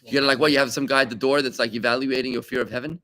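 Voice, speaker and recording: A man, a rabbi, teaching a Talmud class to students, animated and full of rhetorical questions, repeating key points for emphasis. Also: mid-range voice, racing. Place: study room with students.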